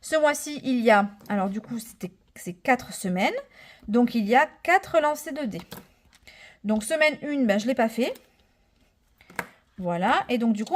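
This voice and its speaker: A woman's voice: fairly high pitch, slight background noise. Chatty woman in her thirties vlogging. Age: 30s. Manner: chatty and enthusiastic, many fillers, counts money aloud. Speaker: budget vlogger. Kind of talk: casual budgeting vlog narration.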